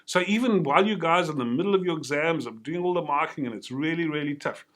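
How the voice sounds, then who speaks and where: A man's voice: on the high side, animated, quick pace, a bit bright. A man giving an earnest, encouraging motivational talk to teachers and telling stories along the way. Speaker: motivational speaker.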